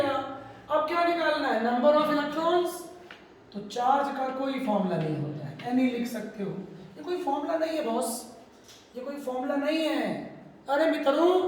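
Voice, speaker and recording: A man teaches physics in a high, bright voice, teasing and prodding his students. He sounds far from the mic in a hall with long reverb and a faint background hum. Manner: joking, coaxing students with quick questions. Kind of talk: classroom lecture. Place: classroom. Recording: echoey classroom, distant mic, faint hum.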